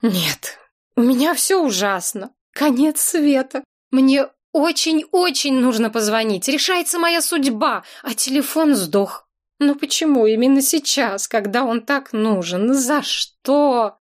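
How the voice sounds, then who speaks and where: A woman's voice: high voice, expressive, measured pace. A woman voicing a frantic, dramatic young woman who wails and pleads melodramatically. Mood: wailing.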